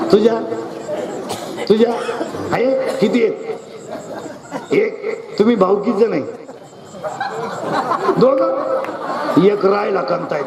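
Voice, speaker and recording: A man with a Marathi accent doing comic stage talk at an outdoor festival, quizzing the audience in quick call-and-response through a stage mic. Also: high voice. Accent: Marathi, western Maharashtra. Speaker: stage comedian. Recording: echoey outdoor stage, loud crowd. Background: loud crowd noise.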